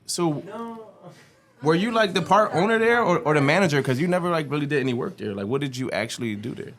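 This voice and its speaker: A man hosting a casual interview, asking teasing, joking questions with lots of halting restarts. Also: on the high side, animated. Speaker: podcast host.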